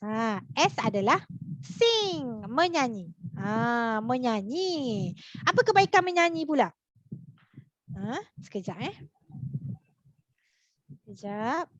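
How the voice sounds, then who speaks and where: A woman's voice: fairly high pitch, sing-song, takes it slowly, pauses often, fairly bright tone, dry recording. A woman with a Malaysian accent, a reading teacher running a live online class, chatty, full of fillers, and often putting questions to her viewers.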